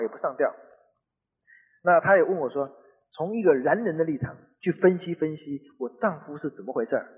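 A man's voice: fairly high pitch, husky. Middle-aged man preaching over tinny radio. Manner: conversational, earnest storyteller. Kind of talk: radio sermon storytelling. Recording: tinny phone-like radio broadcast with long reverb.

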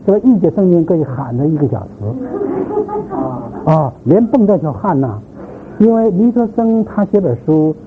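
A man lectures informally to a class on church history, his slightly high voice swinging widely in pitch at normal speed. He rambles with repeated words and filler sounds and puts questions to his listeners. A crowd can be heard, and the tinny, phone-like recording carries faint background noise.

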